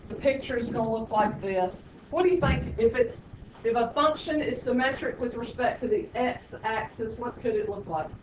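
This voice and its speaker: A woman's voice: on the high side, moderate pace, background noise. A woman math teacher, lecturing a classroom with playful, sarcastic teasing of her students. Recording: echoey classroom, distant lo-fi mic.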